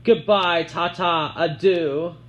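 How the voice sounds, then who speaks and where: A man's voice: medium pitch, moderate pace, dull audio, lightly acted. A man reading an audiobook, voicing a sly, show-off young girl who taunts in a sing-song way. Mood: taunting.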